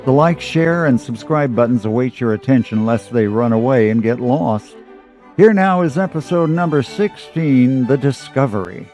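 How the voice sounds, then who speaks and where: A man's voice: mid-range voice, animated, normal speed, a little mellow, faint music behind, close to an everyday voice. A man playing an arch, whimsical announcer, reading florid scripted introductions to a comic audio serial. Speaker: episode announcer.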